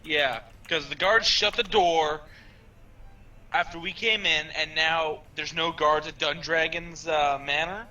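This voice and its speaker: A man's voice: fairly high pitch, steady tone, slow pace, sharp tone, recorded from a distance, low-quality recording. A man playing a tabletop game, talking in a casual, questioning way. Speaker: player.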